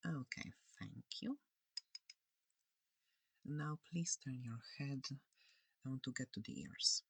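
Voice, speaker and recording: Someone plays a curious, polite alien scientist in an ASMR roleplay, speaking softly, hesitantly and reassuringly, breathy and close to the mic. The voice is medium-pitched and slow, heavily acted, with no room sound. The mood is gentle and reassuring.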